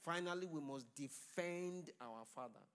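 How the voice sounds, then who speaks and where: A man's voice: a little high, measured pace, clear, resonant tone. A man preaching a sermon, pleading with his congregation and calling for their responses. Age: adult. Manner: loud declaring blessings.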